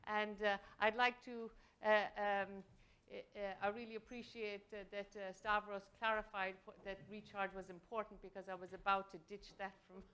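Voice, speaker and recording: A woman's voice: medium pitch, level tone, moderate pace, a bit bright, a little hiss or hum. A middle-aged woman giving an academic presentation, talking hesitantly with many fillers. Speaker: invited speaker.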